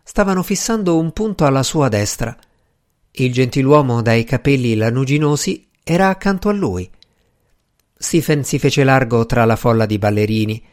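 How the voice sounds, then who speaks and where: A man reads a novel aloud as narrator, at a steady, even pace. The delivery is calm and measured, mid-pitched and plain. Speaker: audiobook narrator. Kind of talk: scripted narration.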